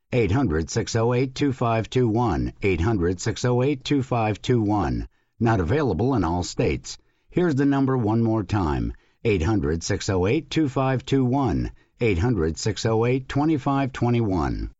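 A man reading a scripted radio commercial as an announcer, with an emphatic sales-pitch delivery. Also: very animated, measured pace, a little mellow, no echo, dull audio. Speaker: advertisement announcer.

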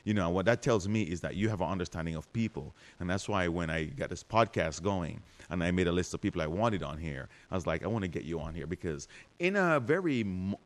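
A man hosting a podcast, talking in a lively, slangy, hype-man way and laughing often. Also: low-pitched, a little fast. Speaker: podcast host. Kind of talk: casual interview chat.

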